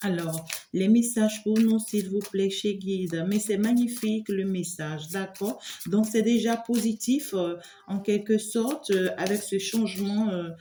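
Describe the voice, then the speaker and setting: Her voice is mid-range and dark, her pace measured, and the sound roomy with a slight hiss or hum as this tarot reader and medium does a spoken reading for the viewer. The talk is loose and rambling, packed with fillers and a recurring "here," and she often makes sure the listener keeps up.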